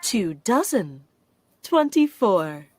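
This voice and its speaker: A woman working as a bingo caller, announcing rhyming number nicknames in short, deliberate, separated calls. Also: mid-range voice, sing-song, no room sound. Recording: loud music behind the voice. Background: loud music.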